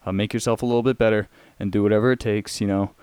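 A young man hosting a casual solo podcast, talking in a rambling, halting way. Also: lowish voice, fairly even intonation, a little mellow, clean tone, dry recording. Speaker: podcast host.

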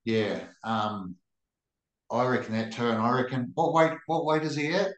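A man's voice: medium pitch, normal speed, roomy sound. A man with a broad New Zealand accent chatting casually about combat sports as a podcast co-host, in a blokey, sweary way. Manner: blokey, sweary, ends remarks with "eh".

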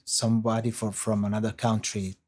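This Italian guest composer, a native Italian speaker with an Italian accent, has a lowish, slightly rough, darkish voice and a flat delivery. Interviewed on a podcast, he responds in hesitant English, groping for the right words.

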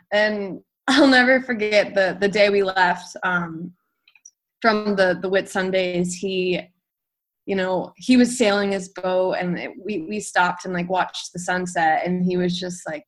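A young adult woman casually telling a travel story as a guest, rambling and full of fillers like "like" and "um". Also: on the low side.

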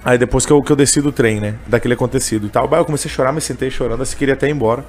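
A man's voice: medium pitch, fairly even intonation, very fast, a little mellow, faint music behind. A man telling a personal story in a casual interview, emotional and full of fillers. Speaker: interviewee, candy seller who sings on trains.

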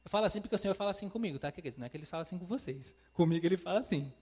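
Racing through his sermon, a male evangelist uses a high, animated voice that is darkish and slightly rough. He addresses his listeners as "queridos" ("dear ones") and performs God's speech in quotes, with a long hall reverb.

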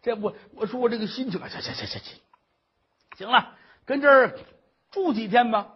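A man's voice: extremely high pitch, normal speed, breathy edge, highs cut off, heavily acted. A man voicing a blunt, sensible older aunt who scolds in a matter-of-fact way. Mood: scolding.

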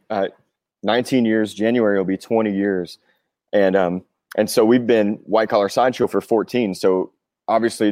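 Here a touring rock drummer in his forties talks casually as a guest, drifting earnestly through personal reflections. His fairly low voice has a darkish tone, with clean studio sound and no echo.

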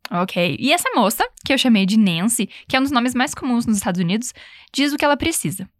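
A young Brazilian woman with a slightly high voice teaches an English lesson. She repeats each phrase slowly and patiently so the learner can follow. The sound is dry and close, with no room echo. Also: lively intonation. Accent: Brazilian Portuguese. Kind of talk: language lesson.

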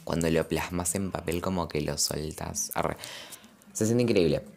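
A man's voice: low-pitched, normal speed, creaky, a little mellow. A young man with a Rioplatense accent, rambling reflectively in a casual confessional podcast monologue full of slang. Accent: Rioplatense Spanish. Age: young adult. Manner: gestures and moves while talking. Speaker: podcast host.

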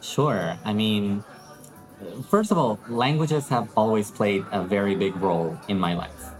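A man's voice: lowish voice, a little slow, faint music behind, poor audio. A man from Peru, an English teacher, talking in a friendly, thoughtful way as an interview guest, with some fillers. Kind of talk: interview conversation.

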